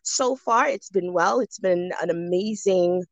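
A fairly low, gravelly woman's voice from the Bahamas, recorded dry and close. She is a young guest talking casually on a podcast, thoughtful and full of "um"s and restarts. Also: measured pace, dry recording, muffled recording. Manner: reflective, many fillers and restarts.

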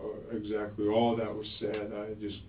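A man rambling with halting restarts in a police interrogation. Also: on the low side, completely flat delivery, slight background noise. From Florida. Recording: echoey, distant, phone-like interrogation room audio.

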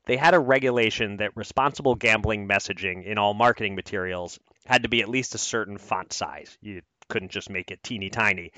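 A man's voice: fairly low pitch, brisk, few pauses, pushed and bright, no room sound. A man co-hosting a podcast, running through news items in a casual, conversational way and laughing easily. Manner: conversational, laughs easily, filler-heavy asides. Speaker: podcast co-host.

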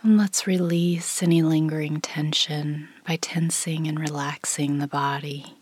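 A woman guides a meditation slowly and gently, her deep voice soft, breathy, and often close to a whisper. Her intonation stays fairly even, she leaves long pauses between calm instructions, and there is no room sound.

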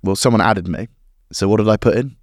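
A man's voice: fairly low pitch, fairly quick, dry recording. A man co-hosting a rugby podcast in a studio, chatty, jokey and upbeat. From England. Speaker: podcast co-host, former rugby player. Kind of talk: casual chat.

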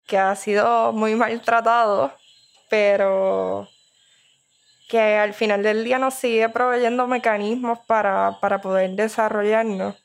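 A young woman in her twenties speaks with a Puerto Rican accent and a gravelly, fry-tinged voice. She answers interview questions eagerly, laughing easily, at an ordinary middle pitch. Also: fairly even intonation, a little slow. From Puerto Rico. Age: 20s. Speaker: university student and youth party officer.

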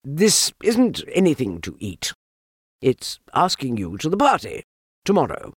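A man's voice: on the high side, huge pitch swings, unhurried, breathy edge, no echo, studio quality, voice pushed up, heavily acted. A man voicing a fussy, self-important male owl in a storybook reading, sulky and particular.

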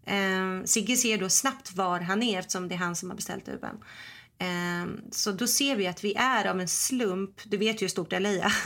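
A woman in her forties chatting casually, retelling a story in a lively way and acting out what people said. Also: mid-range voice. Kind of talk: casual chat, telling a story.

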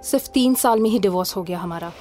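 A woman's voice: sits high, animated, moderate pace. A woman playing a young divorced woman in an audio drama, teasing and mock-scolding in Hinglish. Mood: rueful. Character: young divorced woman, playful and bossy with her friend. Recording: studio voice with music underneath. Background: soft background music.

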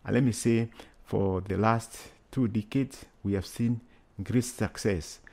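A man's voice: lowish voice, fairly even intonation, unhurried, creaky, a little mellow. A man with a Kenyan accent answering interview questions earnestly, repeating phrases for emphasis. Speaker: children's charity worker, interview guest.

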